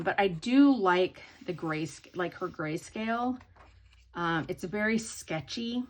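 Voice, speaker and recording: A woman chatting casually in a hobby haul video, rambling with many ums and restarts. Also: mid-range voice. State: sleepy, yawning. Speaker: hobby vlogger.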